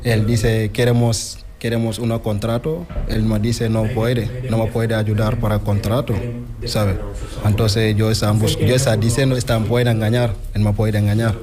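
A man from Senegal, speaking in halting, simple, broken sentences in a street interview. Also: on the low side, little pitch movement. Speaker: farm worker interviewed on the street.

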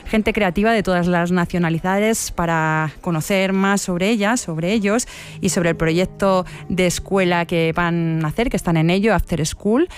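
A woman hosting a radio interview from a studio, introducing her guests at length in a measured way. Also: fairly low pitch, faint music behind. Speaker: radio host.

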